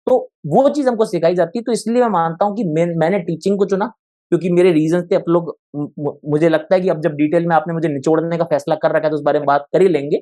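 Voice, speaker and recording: A man's voice: fairly high pitch, quick pace, mellow, dry recording, clean studio sound. A man speaking as an educator guest in a conversational interview, candid and opinionated, explaining at length. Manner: candid, opinionated, talks in long explanatory runs.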